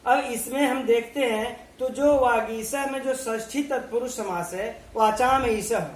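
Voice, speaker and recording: Male grammar teacher, very high voice, slow and methodical, echoey room recording. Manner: slow, methodical, recites letters one by one, asks and answers his own questions. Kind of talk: online video lesson.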